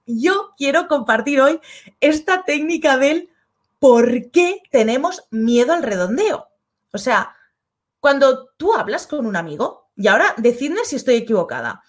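A woman with a Spain Spanish accent, hosting a casual live stream and reading out viewers' comments. She is chatty and acts out little everyday dialogues. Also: a little high. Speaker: online course creator and live-stream host.

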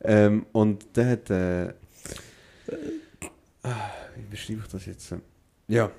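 A young man with a Swiss German accent telling stories in casual podcast chat, slangy and quick to laugh. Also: on the low side, vocal fry. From Switzerland. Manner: lively storyteller, slangy, laughs often. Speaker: podcast co-host.

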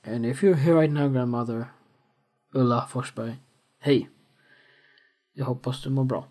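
A man's voice: medium pitch, measured pace, warm tone. Young male host, casual and self-reflective solo talk. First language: Swedish. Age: 20s. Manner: rambling, self-reflective, full of fillers. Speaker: podcast host.

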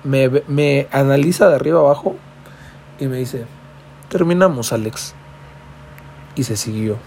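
A man's voice: mid-range voice, moderate pace, gravelly, mellow, a little hiss or hum. Slangy young Mexican man telling a story. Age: about 20. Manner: slangy and profane, peppers every line with güey. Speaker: podcast host. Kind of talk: comic storytelling monologue.

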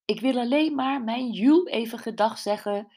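A woman's voice: medium pitch, animated, a little slow, pitched above the performer's own voice. A woman voicing a cheerful, doting older mother in an audiobook. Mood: cheery. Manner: bright and cheery.

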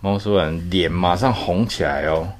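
A man reading a picture book aloud to a child at bedtime, chatty and gentle, stopping to ask questions. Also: deep voice, normal speed, faint music behind.

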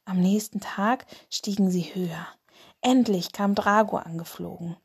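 Slow, soft-spoken woman reading a children's story. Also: mid-range voice, slightly rough. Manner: slow, soft and half-whispered.

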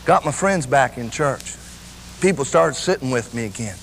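A middle-aged man, preaching a sermon. He swings between loud, high exclamations and low, quiet asides. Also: lively intonation, normal speed, a little hiss or hum. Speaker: traveling preacher.

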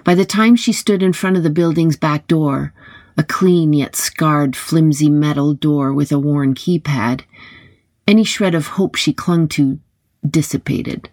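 Audiobook narrator, gravelly, close and dry, wry gritty delivery. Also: mid-range voice, a little slow, darkish tone, no echo. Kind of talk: scripted narration of a paranormal detective novel.

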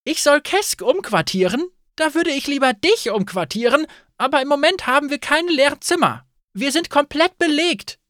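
A male narrator voicing a brisk, tough female innkeeper who gives loud orders to her guests, in a dry studio audiobook. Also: high voice, lively intonation, dry recording, voice pushed up. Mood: exasperated. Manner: loud, commanding.

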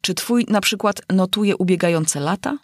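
A woman's voice: mid-range voice, normal speed, no echo, studio quality, lightly acted. A woman voicing a bored, sighing male hare in a storybook reading. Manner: weary, sighing.

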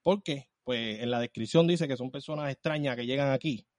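A man's voice: medium pitch, brisk, a little mellow, dry recording, studio quality. A man hosting a podcast, chatty and playful while asking his guest questions. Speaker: podcast host. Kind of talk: podcast interview chat.

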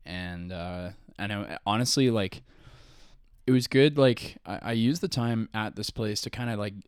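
A man's voice: lowish voice, unhurried, clean tone, dry recording, studio quality. A man in his early twenties co-hosting a podcast, chatting casually and rambling with lots of "like" and restarts. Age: early 20s. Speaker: podcast co-host. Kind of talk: casual chat.

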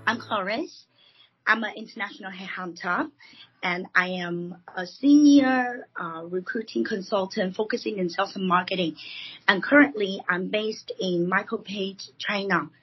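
A woman from Taiwan talks as a guest on a podcast, explaining her points at a measured pace and pausing with frequent fillers. Her voice is strongly breathy and husky. The sound is dull and lo-fi. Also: mid-range voice. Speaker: recruiting consultant guest. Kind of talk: podcast interview.

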